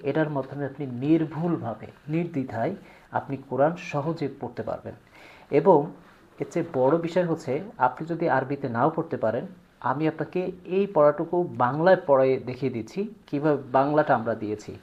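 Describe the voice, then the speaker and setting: A man demonstrating a product step by step, slowly drawing out example words. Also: fairly high pitch, a little mellow, dull audio.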